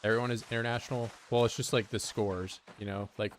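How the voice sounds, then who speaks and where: A young American man streams a survival game, rambling and joking casually with his chat as he gives gameplay commentary. His voice sits fairly low with a steady tone, and he talks fast over slight background noise.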